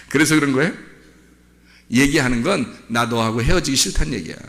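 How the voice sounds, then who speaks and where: A male pastor preaching a sermon, emphatic and conversational, quizzing his congregation and rising to shouts. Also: mid-range voice, vocal fry. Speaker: senior pastor. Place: church sanctuary. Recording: long church reverb.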